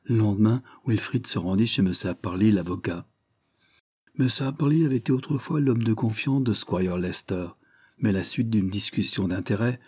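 A man reading a nineteenth-century novel aloud as an audiobook narrator, with steady, even storytelling. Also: fairly low pitch, breathy edge, no echo, clean studio sound. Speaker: audiobook reader.

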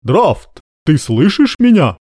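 A man's voice: mid-range voice, sing-song, a little slow, dark tone, no room sound. A man voicing a cool, commanding male major with dry irony in an audiobook. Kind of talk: audiobook narration.

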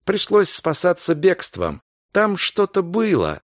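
Guy putting on a scared young wife, high fretful pleading voice, lively. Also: slow pace, no room sound, clean studio sound, heavily acted. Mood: frightened. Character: young wife, frightened and fragile.

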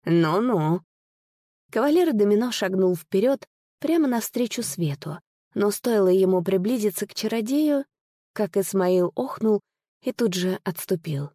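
A woman narrating a fairy-tale audiobook in an expressive storytelling manner. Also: mid-range voice, moderate pace, no room sound, studio quality.

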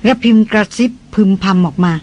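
A Thai audiobook reader narrating a novel in a measured, even manner. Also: medium pitch.

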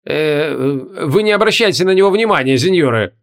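Guy doing a big easygoing sorcerer dude, lazy grinning banter, lively voice. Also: a little high, moderate pace. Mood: teasing. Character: big jovial male sorcerer, mocking friend.

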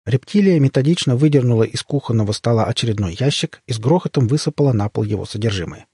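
A man narrating a humorous story in a wry, expressive reading voice, with a husky tone. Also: medium pitch, fast, no echo, studio quality. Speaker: audiobook narrator.

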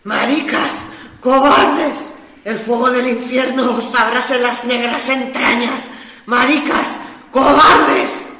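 An actress playing an anguished, raging working-class mother in a radio drama, wailing hoarsely with tragic sorrow over her murdered child. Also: on the high side, steady tone, slow pace, sharp tone, heavily acted. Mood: tragic sorrowful rage. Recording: echoing hall with long reverb.

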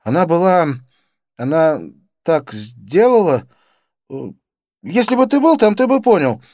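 An eager young racer, as a male audiobook reader puts him on, talking in quick excited bursts that leap up high. His lively voice swings widely in pitch. The sound is dry and close. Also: dry recording. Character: eager young man caught up in a street race.

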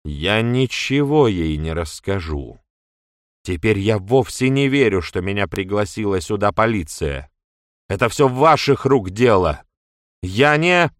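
A man reading an audiobook, voicing a touchy, defiant young woman who breaks into sharp outbursts. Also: on the low side, animated, unhurried, no room sound, clean studio sound.

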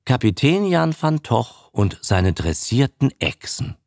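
A man narrating a story for radio in a measured, expressive way. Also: medium pitch, gravelly, no echo, clean studio sound.

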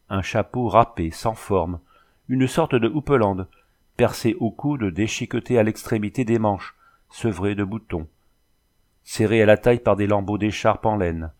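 Low-voiced man reading a novel. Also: darkish tone. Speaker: audiobook reader. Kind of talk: scripted narration of a novel.

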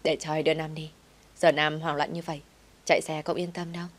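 A generous lady boss in a storybook tale, read by the woman narrator, caring and warmly persuasive. She speaks in a low, quiet voice. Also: flat delivery, fairly quick. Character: kind wealthy woman company director, warm and generous.

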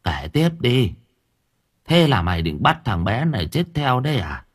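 A man's voice: mid-range voice, very animated, normal speed, slightly rough. A man doing a cursing old exorcist woman. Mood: scolding. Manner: scolding, cursing. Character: fierce old village exorcist woman, foul-mouthed.

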